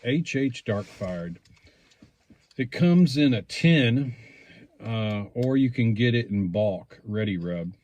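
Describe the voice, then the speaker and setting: A man giving a casual, rambling product review, speaking in a hesitant, unhurried way as he thinks aloud. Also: medium pitch, animated, a little mellow. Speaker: pipe tobacco reviewer.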